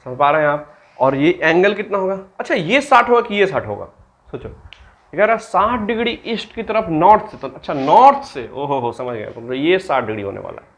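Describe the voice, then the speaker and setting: Man teaching maths, fairly high voice. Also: very animated, normal speed, a bit bright. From Bihar, India. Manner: asks students questions and answers them himself; mixes English terms into Hindi. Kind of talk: classroom lecture.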